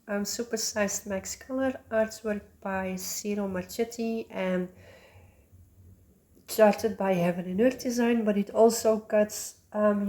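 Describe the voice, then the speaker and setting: Slow, rambling woman. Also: fairly high pitch. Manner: rambling, many ums, soft asides. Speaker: cross-stitch vlogger. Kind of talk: casual show-and-tell chat.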